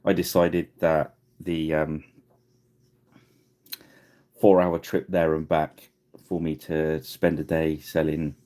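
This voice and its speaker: A man's voice: little pitch movement, slow pace, long pauses, warm tone. A man hosting a live miniature painting tutorial, chatting casually and laughing at himself as he works. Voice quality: deep gravelly voice. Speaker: miniature painting livestream host.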